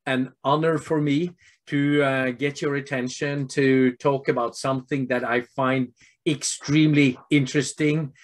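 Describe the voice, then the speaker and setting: Norwegian man in his fifties presenting. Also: mid-range voice. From Norway. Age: 50s. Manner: earnest, steady, with frequent filler pauses. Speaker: health product presenter. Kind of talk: remote presentation to doctors. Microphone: video call.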